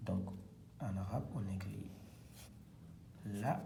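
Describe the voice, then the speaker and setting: A man teaches letters at a board in a low, very dark and mellow voice, halting and correcting himself as he goes. He often drops to a near-whisper while writing. The room sounds echoey. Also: little pitch movement, a little hiss or hum. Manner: halting, self-correcting, repeats words. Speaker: Quran and Arabic teacher. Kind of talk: hesitant whiteboard lesson.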